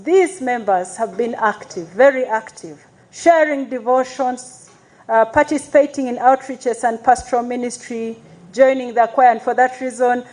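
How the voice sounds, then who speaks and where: A woman chaplain speaks in a formal, measured way before a congregation. Her voice sits fairly high, and she leads call-and-response praise between her remarks. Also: a little mellow, rough recording. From Uganda. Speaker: Anglican parliamentary chaplain. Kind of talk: church address to a congregation.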